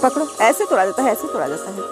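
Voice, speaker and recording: A middle-aged Bihari woman speaks with a Bihari Hindi accent in a slightly high voice, chatting as she walks through an old village school and keeps calling to her son. She records on a phone held at arm's length outdoors. Clear background music runs under her talk. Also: sing-song, fast. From Bihar, India. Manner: chatty, guiding the viewer while scolding her son. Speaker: vlogger and mother. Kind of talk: casual walking vlog.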